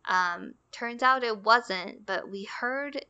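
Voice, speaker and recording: Bright, chatty young woman podcaster. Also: a little high, slow pace, clear, resonant tone, highs cut off. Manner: chatty storytelling, acts out quoted lines. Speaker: podcast co-host. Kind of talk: casual podcast chat.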